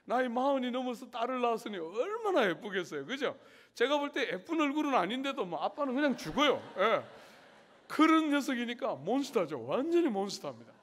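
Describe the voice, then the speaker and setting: In a large university hall with long reverb, a middle-aged male pastor preaches at a student conference. His voice is high-pitched and a bit bright as he tells a story with humor, acting out the scene.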